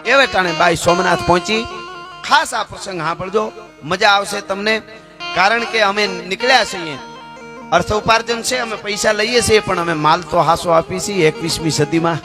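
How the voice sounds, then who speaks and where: A high-voiced male folk storyteller, declaiming and chanting verses live on stage. Plucked strings play clearly behind him through the stage microphone. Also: normal speed, music in the background.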